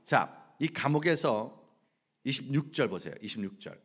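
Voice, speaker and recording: A man preaching a lively revival sermon as a guest preacher, quizzing the congregation with call-and-response questions and breaking into shouts. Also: mid-range voice, normal speed, slightly rough.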